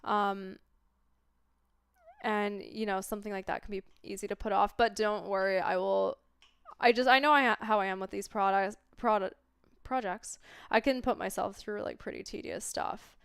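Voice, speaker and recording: A woman's voice: mid-range voice, steady tone, normal speed, vocal fry, fairly bright tone, smooth, dry recording, studio quality. A stoned woman streamer chatting casually to viewers in a rambling, laid-back stoner way that drifts into tangents. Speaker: livestreamer. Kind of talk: casual livestream chat with viewers.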